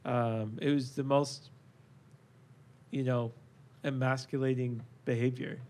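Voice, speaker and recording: An earnest man hosts a casual faith discussion at an average pitch. He presses his points with emphasis and often restarts with "um" and "and". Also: level tone, takes it slowly, a little mellow. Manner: earnest, emphatic, many fillers. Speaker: podcast host.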